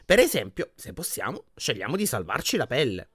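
A man voicing a haughty, sneering old male wizard in a portrait, with a slow mocking drawl, for an audiobook. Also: mid-range voice, huge pitch swings, a bit bright, husky, no room sound, clean studio sound, exaggerated voice. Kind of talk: audiobook character voice.

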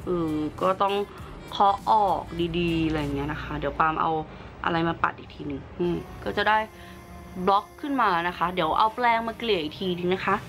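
A woman's voice: lowish voice, fairly quick, fairly bright tone, faint music behind. A woman beauty vlogger giving a chatty, upbeat makeup review and explaining each step as she works. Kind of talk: casual makeup tutorial and product review.

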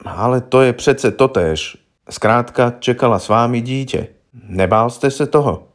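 A man's voice: medium pitch, lightly acted. A man voicing a young, naive defense lawyer who speaks formally and patiently, explaining things to his client. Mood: probing.

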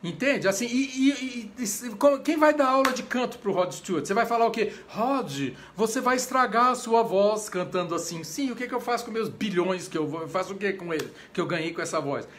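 A Brazilian conductor with a Brazilian Portuguese accent, giving a chatty, informal lecture on voice types. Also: male voice, high voice, quick pace, hardly any pauses, a little hiss or hum. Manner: animated, chatty, breaks into short sung examples. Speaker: conductor and voice teacher. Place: home during quarantine.

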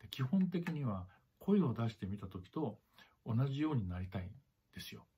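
A man's voice: medium pitch, very animated, normal speed, warm tone, husky. A man teaching clarinet in a spoken lesson, who repeats his points, talks straight to the listener, and sings rhythms aloud to show them. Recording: dull lo-fi recording.

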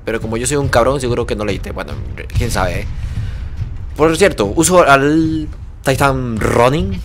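A young man, excitedly commentating his own gameplay and swearing at the action. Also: mid-range voice, normal speed, soft background music. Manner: excitable, swearing, reacting loudly to the game. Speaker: gamer.

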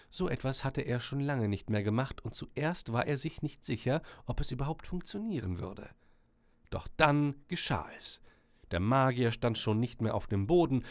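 A man narrating a storybook with gentle, expressive storytelling. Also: medium pitch, no echo.

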